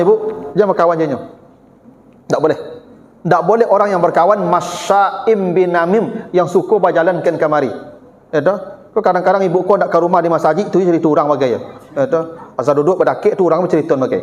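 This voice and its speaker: A man with a Minangkabau accent preaching a sermon in a chatty, teasing way, acting out everyday exchanges. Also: on the high side. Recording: roomy hall with long reverb.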